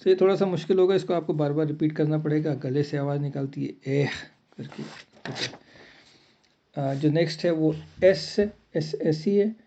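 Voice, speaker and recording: A man teaching a lesson in a deliberate way, repeating each item twice. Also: on the high side, dark tone. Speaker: language teacher. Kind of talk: slow spoken lesson. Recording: slightly muffled lo-fi recording.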